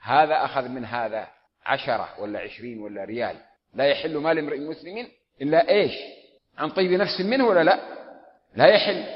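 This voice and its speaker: Male preacher, questions the audience, slightly high voice, lo-fi hall recording. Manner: asks the audience repeated questions. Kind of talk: sermon. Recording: dull lo-fi audio with long hall reverb.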